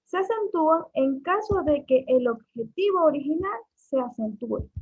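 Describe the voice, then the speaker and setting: A woman's voice: high voice, animated, normal speed, darkish tone. Young woman, student presenter, reading out examples, tinny phone-like recording.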